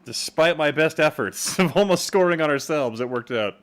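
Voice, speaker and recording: A man streaming a video game, chatting casually with viewers. He reacts excitably to each play and laughs often, his pitch swinging widely. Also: normal speed. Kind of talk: casual gaming live stream chat.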